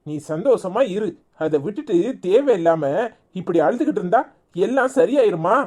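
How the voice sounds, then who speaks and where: A woman's voice: mid-range voice, animated, normal speed, a little mellow, lightly acted. A woman voicing a young husband in a cartoon, coaxing and reassuring with a Tirunelveli Tamil accent. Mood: soothing. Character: young husband, teasing but soothing.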